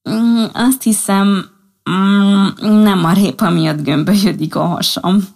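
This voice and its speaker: A woman's voice: mid-range voice, fairly even intonation, vocal fry, darkish tone. A woman voicing a stubborn pregnant female rabbit who walks the tightrope in a storybook. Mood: teasing.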